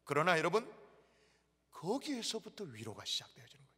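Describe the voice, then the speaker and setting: A man's voice: fairly high pitch, wildly swooping pitch, a little fast, sharp tone, slightly rough. A pastor, a man, preaching emphatically to his congregation, asking them questions and acting out inner thoughts. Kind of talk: sermon. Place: church sanctuary. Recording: church hall reverb.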